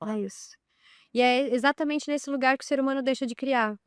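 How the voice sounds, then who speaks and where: A woman's voice: high-pitched, a little fast, clean tone, no echo, clean studio sound. A woman from Brazil hosting an interview, reflective and drawing the guest out with questions. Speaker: host, therapist. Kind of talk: interview conversation.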